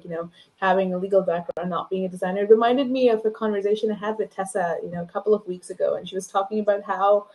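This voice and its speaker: A woman's voice: mid-range voice, warm tone, low-quality recording. A woman hosting a podcast interview, talking in a chatty way full of "like" and "you know". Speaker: podcast host. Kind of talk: casual interview chat.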